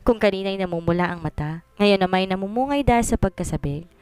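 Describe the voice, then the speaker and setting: A woman's voice: medium pitch, fast, a little mellow, clear, resonant tone. A woman narrating a first-person romance story in a chatty, self-talking way, over faint background music. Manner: chatty, self-talking, mixing English into Tagalog.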